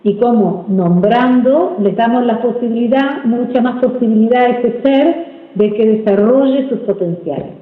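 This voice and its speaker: A woman from Argentina, an interview guest and speech therapist, explains her ideas in a measured, deliberate way and stretches words to show how they sound. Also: fairly high pitch. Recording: roomy, dull lo-fi sound.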